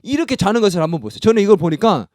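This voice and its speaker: Lively, high-voiced preacher man. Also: rapid-fire, no echo, studio quality. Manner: rhetorical questions to the congregation; animated, conversational preaching. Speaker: pastor. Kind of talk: sermon. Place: church sanctuary.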